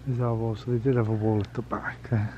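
Walking through an old prison and its grounds, a male vlogger talks casually and muses hesitantly along the way. He speaks quickly in a lowish voice with little variation in pitch. The handheld recording sounds dull and carries noticeable background noise.

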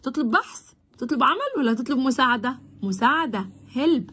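A woman with an Egyptian Arabic accent, teaching a primary school English lesson and stretching out the English words slowly between her Arabic explanations. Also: high voice, sing-song, bright, forceful tone, breathy edge.

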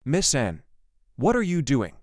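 An actor voicing a composed, teasing young master in a romance comic. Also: male voice, medium pitch, huge pitch swings, unhurried, no echo, studio quality. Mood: hushed, composed. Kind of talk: dubbed comic dialogue.

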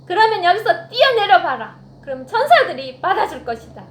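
A woman voicing a boastful male devil who taunts loudly and wails theatrically when beaten, in a children's Bible story. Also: very high-pitched, very animated, a little fast, voice pushed up. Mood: taunting. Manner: loud, taunting, then theatrical wailing. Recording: echoey room with faint hum.

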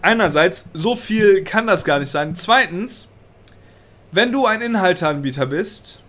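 A slightly high, somewhat bright male voice belongs to a young political commentator with a cold. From a small indoor room, he reads a law text and rants about it agitatedly, swearing and mixing in English.

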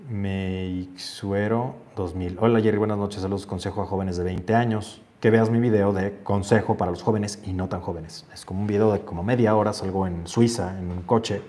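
A man in his forties hosts a casual livestream chat from an indoor home office lined with shelves, reading viewer comments aloud and musing on them earnestly. His voice is lowish and mellow, with a steady tone, normal speed, and few pauses.

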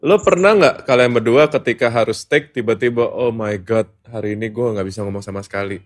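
A man's voice: fairly low pitch, a little fast. A man with a Jakarta accent hosting a casual interview and asking questions. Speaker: host, interviewer.

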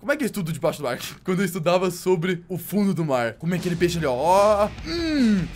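A young man with a Brazilian Portuguese accent talks quickly over his gameplay, his voice riding high and leaping about as he jokes and taunts the fish he is chasing. It is a casual, slangy commentary delivered straight into a desk mic. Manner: excitable, jokey, slangy, talks to the game fish. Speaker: gaming YouTuber.

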